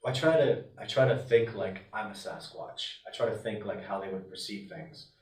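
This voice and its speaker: A man's voice: fairly low pitch, normal speed. Emphatic man in a roomy room. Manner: emphatic, animated, often voices what others might say. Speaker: wilderness expert interviewee. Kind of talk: passionate interview talk. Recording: roomy and distant from the mic.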